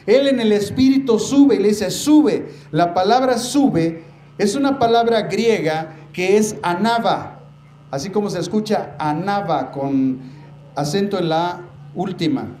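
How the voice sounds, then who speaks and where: A man preaching a sermon as pastor, emphatic, often calling out to his brothers and slowing down to stress key words. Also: sits high, lively intonation, warm tone. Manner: preaching, repeatedly addressing the congregation as brothers. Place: church. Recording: echoey church room with faint noise.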